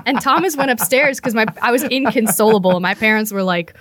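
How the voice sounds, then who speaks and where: A young woman co-hosting a casual podcast chat, telling animated stories and laughing often. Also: a little high, fast. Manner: lively storyteller, laughs often, acts out quotes. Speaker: podcast co-host.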